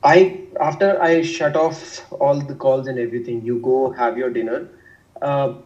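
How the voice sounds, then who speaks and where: A man's voice: mid-range voice, fairly even intonation, a little slow, darkish tone, recorded from a distance, muffled recording. A young man from India with a North Indian accent, talking conversationally as an interview guest in an explanatory, self-repeating way. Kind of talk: conversational discussion of work life.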